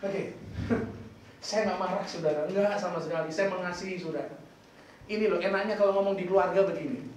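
A man's voice: high voice, steady tone, a little fast, a little mellow, slight background noise. A man preaching a sermon as pastor, playful and teasing, throwing questions at the congregation. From Indonesia. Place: church hall. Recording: echoey hall, far from the mic.

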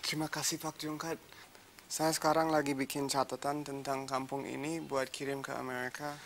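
A man's voice: mid-range voice, flat delivery, normal speed, vocal fry, slight background noise. A man playing a foreign visitor who speaks politely and formally, often repeating the listener's name. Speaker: American visitor in the village. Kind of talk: soap opera acting. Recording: soft music behind.

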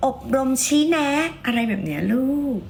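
A woman with a hoarse, raspy voice chats casually on a livestream, her pitch swinging up and down as she coaxes viewers along. A faint hiss of noise sits under the recording. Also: big pitch swings, moderate pace, a little mellow. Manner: playful, chatty, coaxing viewers. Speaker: livestream seller.

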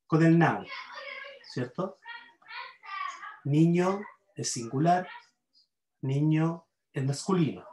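A man's voice: medium pitch, darkish tone, roomy sound, poor audio. A man with a Chilean accent teaching a university grammar class online. He explains by repeating examples and checks in with his students. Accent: Chilean Spanish.

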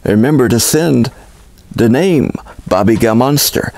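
A man's voice: medium pitch, lively intonation, gravelly, a little mellow, no echo. Campy, swooping theatrical horror host man. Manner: campy, grandiose, drawn-out showman delivery. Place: small attic room full of horror decorations.

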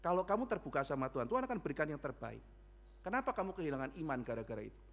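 A man's voice: on the high side, very fast. A male pastor preaching a sermon in church, telling stories and acting out both sides of the dialogue. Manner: animated storytelling with acted dialogue. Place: church sanctuary.

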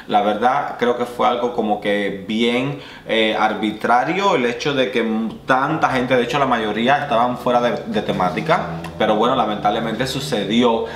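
A man's voice: mid-range voice, steady tone, normal speed, a bit bright, a little hiss or hum. A young man, a drag queen, giving emphatic, opinionated commentary in a casual vlog. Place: small indoor room. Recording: roomy echoey room.

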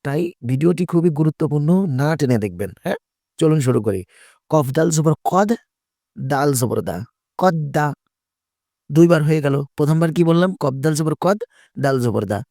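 A man's voice: on the high side, animated, moderate pace, gravelly, long pauses, mellow, no echo, clean studio sound. A man teaching a Quran recitation lesson, patiently spelling out letters and asking and answering his own questions.

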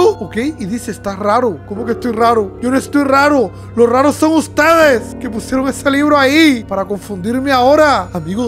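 A man with a high voice, from Latin America, talks through a horror game for his viewers. He is excitable and jokey, and music plays faintly underneath. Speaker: gaming youtuber. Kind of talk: lively gameplay commentary.

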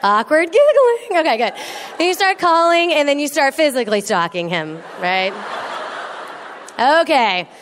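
A woman giving a comedic talk to a live audience, animated and teasing, acting out quoted voices. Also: high-pitched, a little slow. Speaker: speaker. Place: large hall with an audience. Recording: echoey hall with faint noise.

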